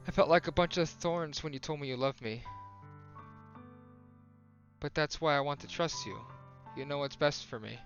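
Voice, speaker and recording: A man's voice: on the high side, dull audio, faint music behind. A man voicing a shy, anxious teen girl. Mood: sad, unsure. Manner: soft, hesitant, halting.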